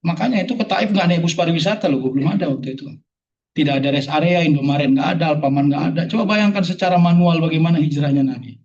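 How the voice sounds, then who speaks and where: A man's voice: fairly high pitch, quick pace, a little mellow. A man preaching a sermon to a gathering, joking and firing rhetorical questions at the audience. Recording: distant, dull hall recording.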